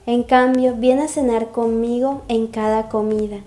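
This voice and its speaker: A woman's voice: a little high, steady tone, unhurried, mellow. A young woman reading a comic aloud and reacting, gushing and sighing often. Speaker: webcomic reaction vlogger. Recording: echoey room. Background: faint music.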